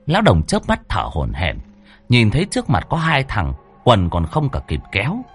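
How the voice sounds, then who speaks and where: Guy telling a funny story, voice jumps all over, kinda husky. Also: mid-range voice, normal speed, soft background music. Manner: lively, expressive. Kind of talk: comic storytelling narration.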